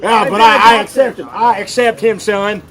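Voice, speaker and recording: A man's voice: high-pitched, normal speed, natural voice. A man playing a boastful, rambling old grandpa inventor who keeps calling everyone son and whippersnapper, in an improvised comic bit. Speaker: performer of a comic sketch. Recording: noisy crowd chatter outdoors.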